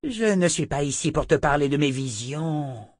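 A man's voice: a little high, expressive, normal speed, no echo, voice pushed up. Man voicing a scornful old seer woman. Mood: threatening. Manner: cold, cutting, imperious. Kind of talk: audiobook character voice.

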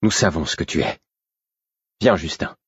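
Jeune apprentie hautaine, jouée par un homme, voix légèrement relevée, dédaigneuse et sèche. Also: male voice, low-pitched, moderate pace, a bit bright, slightly rough, no room sound, clean studio sound, heavily acted. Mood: haughty. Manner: haughty, dismissive. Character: young woman apprentice, haughty and cold.

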